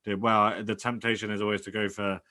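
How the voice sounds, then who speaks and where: A man chatting casually as a podcast host. His voice sits on the low side but has a bright, forceful edge. He talks in halting bursts, full of fillers and restarts. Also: level tone. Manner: hesitant, many fillers and restarts.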